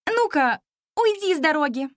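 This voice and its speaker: A woman voicing a bold, quick-witted young girl heroine in a storybook reading, with a high, bossy, lively voice. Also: dry recording, clean studio sound.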